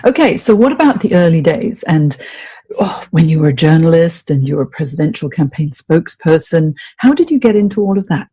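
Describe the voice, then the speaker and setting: A woman hosts an interview podcast. She has a low, husky voice with a warm, mellow tone. She talks with effusive admiration for her guest, asking open questions. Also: animated, a little fast, dry recording. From Hong Kong. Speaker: host.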